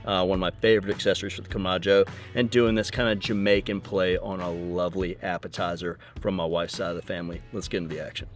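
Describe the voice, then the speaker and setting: A man chef giving an energetic, upbeat cooking demonstration, talking straight to his viewers. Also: low-pitched.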